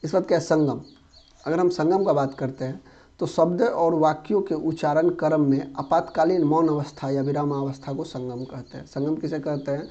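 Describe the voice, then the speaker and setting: A young man teaches an exam-prep grammar lesson in a loose, conversational way, keeping his explanation moving with frequent checks on whether the students follow. His voice sits a bit high and sounds mellow and soft-edged. The recording is dull and lo-fi. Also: fairly even intonation, moderate pace. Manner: conversational, checks understanding often.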